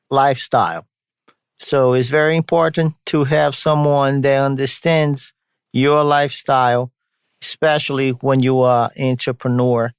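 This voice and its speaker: A man's voice: a little high, clean tone, no room sound, studio quality. A man from Brazil, a native Portuguese speaker, hosts an informal solo podcast in a mixed Brazilian and Boston accent, dropping his r's. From São Paulo state, Brazil. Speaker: podcast host.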